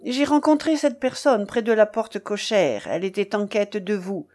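A woman reading an audiobook and voicing a proud, excitable young man who explains himself eagerly and defensively. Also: mid-range voice, moderate pace, close to an everyday voice. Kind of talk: audiobook character voice.

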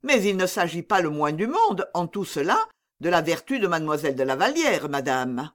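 A woman's voice: lowish voice, very animated, moderate pace. A woman reading an audiobook and voicing an evasive young male courtier who plays naive and stays deferential.

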